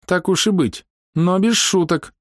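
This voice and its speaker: A man voicing a shrill, squeaky young female thief who shouts indignantly from hiding in an audiobook. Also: normal speed, dry recording, clean studio sound, close to an everyday voice. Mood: wary. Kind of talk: audiobook character voice.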